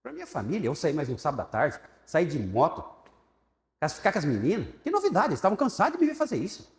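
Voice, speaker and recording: Lively Brazilian preacher in a church hall. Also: male voice, a little high, quick pace. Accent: Brazilian Portuguese. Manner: animated storyteller, acting out voices. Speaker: Sunday school teacher. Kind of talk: sermon-style personal testimony. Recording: echoey church hall with long reverb.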